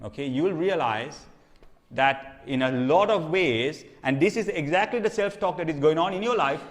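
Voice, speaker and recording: Guy teaching a sermon, kinda high voice, lots of okay? and restarts, long hall echo. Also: expressive, normal speed. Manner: conversational, checks in with frequent "okay?"; repeats and restarts phrases. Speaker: preacher.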